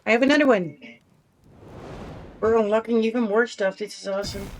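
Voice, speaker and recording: A woman's voice: fairly high pitch, a little fast, a little hiss or hum. A woman streamer chatting casually and thinking aloud while she plays a game, with the odd swear word. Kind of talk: casual live gameplay commentary.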